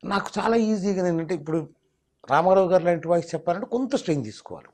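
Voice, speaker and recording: A man's voice: sits high, lively intonation, fast, darkish tone. A mimicry artist, explaining his craft in an interview and slipping into demonstration voices. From Telangana, India.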